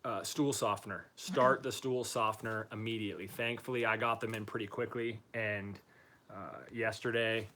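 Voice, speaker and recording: A man talking informally and upbeat in a casual video diary, using relaxed slang as he gives a personal recovery update. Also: lowish voice, moderate pace, a little hiss or hum. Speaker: patient giving a recovery update.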